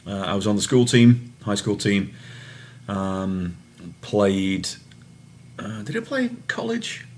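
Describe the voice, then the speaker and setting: A man in his forties with a Manchester English accent, answering interview questions in a hesitant way with many pauses and fillers. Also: on the low side, very animated. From England. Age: 40s. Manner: hesitant, many ums and restarts. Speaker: interviewee, soccer referee.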